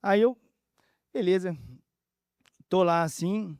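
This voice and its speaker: A man's voice: sits high, a little mellow, clear, resonant tone, no echo, studio quality. A man giving an emotional personal testimony talk at a conference, telling his story through many reported dialogues. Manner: emotional, halting. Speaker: conference speaker.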